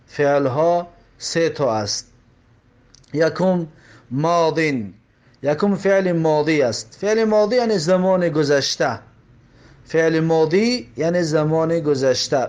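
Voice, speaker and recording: A man's voice: on the high side, a little mellow. A man teaching a grammar lesson, repeating examples and asking and answering his own questions.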